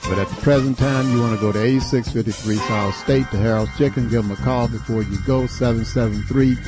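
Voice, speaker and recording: A man, co-hosting a talk show and reading ads in a steady, precise way. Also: mid-range voice, fairly quick, music in the background. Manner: steady, precise, self-correcting. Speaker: co-host.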